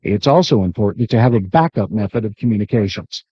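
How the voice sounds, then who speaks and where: A man reads scripted instructional narration in a measured way, like a training video narrator. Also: on the low side, expressive, slightly rough, no room sound. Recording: dull lo-fi worn videotape sound.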